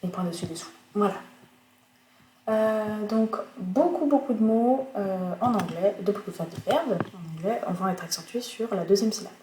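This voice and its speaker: A woman teaching English pronunciation in a recorded video lecture, speaking slowly with many fillers and self-corrections. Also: medium pitch, mellow. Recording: echoey room, faint noise.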